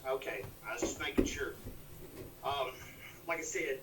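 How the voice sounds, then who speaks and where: A man gives an earnest, halting debate opening statement as a candidate over a video call, his voice cutting in and out on a bad internet connection. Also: medium pitch, fairly bright tone. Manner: halting, earnest, plain-spoken. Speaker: congressional candidate. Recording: echoey, distant, noisy call audio.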